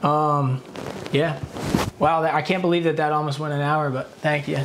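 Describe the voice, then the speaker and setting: A man's voice: a little high, level tone, moderate pace, fairly bright tone, slight background noise. A man in his thirties speaking casually as a guest on a video call, laid-back and grateful, with lots of fillers.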